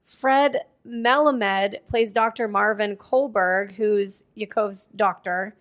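A woman's voice: mid-range voice, fairly even intonation, takes it slowly, fairly bright tone. A woman co-hosting a casual podcast, reading movie credits and critics' reviews aloud and laughing often. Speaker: podcast co-host.

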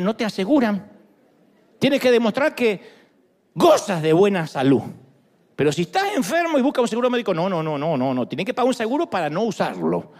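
A man preaching a sermon, joking and acting out little dialogues. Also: extremely high pitch. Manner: animated, jokes, acts out dialogues. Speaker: pastor. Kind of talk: sermon with humorous stories.

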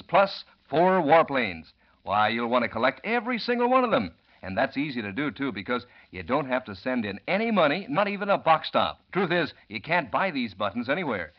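A man delivers an old-time radio sales pitch with folksy enthusiasm. His voice is a little high and very animated. The recording is dull and dated. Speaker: commercial announcer.

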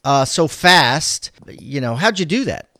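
A man's voice: a little high, sing-song, slow pace, bright, forceful tone, no echo. A man hosting an interview podcast, asking questions in an upbeat, enthusiastic way. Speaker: podcast host. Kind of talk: interview chat.

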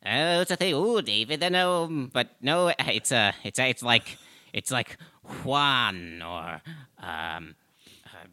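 Give me a cheeky little male forest gnome, played by a man, drawling and animated. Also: medium pitch, slow, no room sound, studio quality. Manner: sly, deadpan, crude jokes. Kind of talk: improvised comedy podcast bit.

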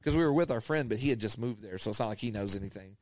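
A podcast co-host with a lowish voice talks rapid-fire, spinning a rambling story in casual chat. He laughs often and acts out the people he quotes, and the recording has no echo.

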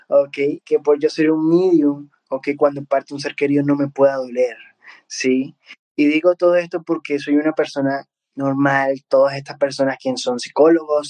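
Earnest man with a slightly high voice. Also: a little mellow, low-quality recording. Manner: earnest, keeps adding a questioning "ok?" tag. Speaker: spiritual medium. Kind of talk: casual conversation.

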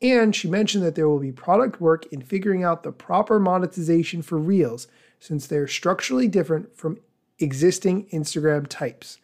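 Hosting a podcast, a man with a higher-pitched voice reads the news from a script. He explains points in a measured way, sets off quotations formally, and adds some commentary of his own.

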